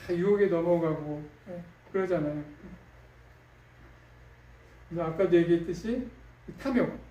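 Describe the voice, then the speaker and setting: Male pastor, high voice, relaxed chatty preaching, recorded from a distance in a reverberant sanctuary. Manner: conversational preaching with frequent fillers and tag questions. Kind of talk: sermon. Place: church sanctuary. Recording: echoey room, distant mic.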